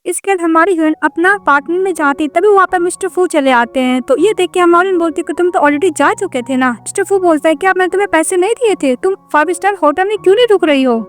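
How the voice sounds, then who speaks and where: Female narrator retelling a drama plot, quick and high-pitched, loose conversational delivery.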